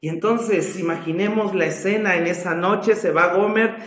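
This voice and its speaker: Passionate Mexican preacher, high voice. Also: male voice, steady tone, moderate pace, fairly bright tone, roomy sound, slight background noise. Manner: passionate, dramatic storytelling. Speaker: pastor. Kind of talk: sermon. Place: church.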